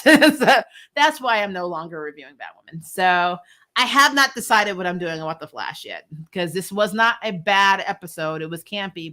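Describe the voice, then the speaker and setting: A woman hosts a TV recap show as a casual livestream, chatting informally about shows and viewer comments. Her voice is fairly low in pitch with a fairly bright tone.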